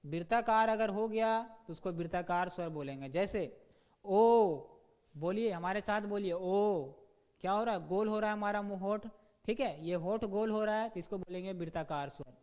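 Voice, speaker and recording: A man teaching an online grammar lesson who demonstrates sounds slowly and keeps checking in with students. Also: high voice. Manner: repeats "ठीक है" and asks students questions. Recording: long reverb.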